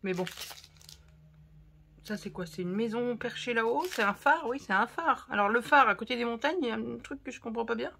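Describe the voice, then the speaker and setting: A woman's voice: a little high, a little fast, creaky, a little hiss or hum. A French woman showing her craft haul, talking casually to her viewers and reacting to each item. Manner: chatty and expressive, talks to viewers while unpacking. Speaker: craft vlogger. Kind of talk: casual haul chat to camera.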